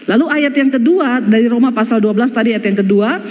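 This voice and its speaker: A woman's voice: a little high, a little fast. Woman preaching in a reverberant hall. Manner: lively, emphatic preaching with folksy humor. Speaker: pastor. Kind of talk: sermon. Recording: long church hall reverb.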